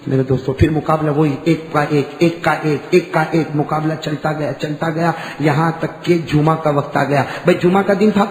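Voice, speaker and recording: Man preacher, impassioned sermon, repeats phrases, questions the crowd, hushed to shouting, long reverb of a large hall. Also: a little high, steady tone, few pauses. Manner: asks the crowd questions and addresses them as dear ones. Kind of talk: Muharram sermon.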